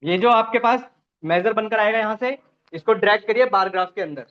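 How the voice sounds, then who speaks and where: A man's voice: sits high, a little fast, dull audio. A man teaching a live online class, walking students through each step and checking in with them as he goes.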